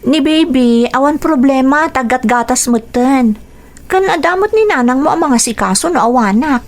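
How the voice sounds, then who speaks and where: With a high-pitched, expressive voice at a moderate pace, a young woman portrays an anxious young mother in a radio drama. Her character, fearful of a strict father, sounds hesitant and uneasy.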